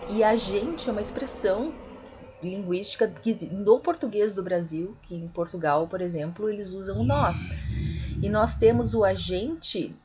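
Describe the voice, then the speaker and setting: A woman teaching an online literature class, explaining slowly, with many fillers and corrections. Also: medium pitch, lo-fi sound, noisy background. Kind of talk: online lecture.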